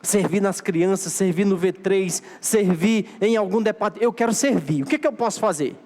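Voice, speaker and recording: High-voiced Brazilian pastor preaching in a hall. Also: male voice, moderate pace, a little mellow. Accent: Brazilian Portuguese. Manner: exhorting, repetitive preaching cadence. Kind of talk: sermon. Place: church sanctuary. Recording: long hall reverb of a church.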